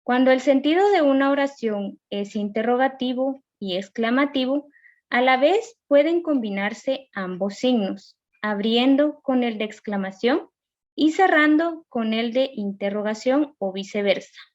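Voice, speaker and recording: A woman teacher giving a recorded grammar lesson, reading rules and examples slowly and carefully. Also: fairly high pitch, lively intonation, darkish tone, lo-fi sound.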